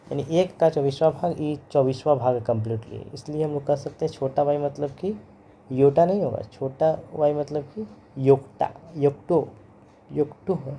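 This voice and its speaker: A man's voice: fairly high pitch, moderate pace, dark tone, slight background noise. A man teaching physics in a lecture, repeating each term and its pronunciation over and over, mixing English terms into his Hindi. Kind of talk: classroom lecture.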